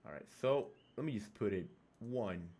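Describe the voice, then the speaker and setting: A man's voice: on the low side, animated, normal speed, a crowd in the background. A man giving casual live commentary on a fighting game tournament, in a chatty, rambling way that trails off and restarts. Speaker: esports commentator and tournament organizer.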